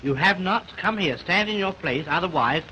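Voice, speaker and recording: A man's voice: high-pitched, animated, normal speed, pushed and bright. A man teasing an actress in a crackly early sound-film test. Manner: teasing, mock-stern. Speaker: film director in a 1929 sound test clip. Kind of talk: early talkie banter. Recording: old film soundtrack with hiss.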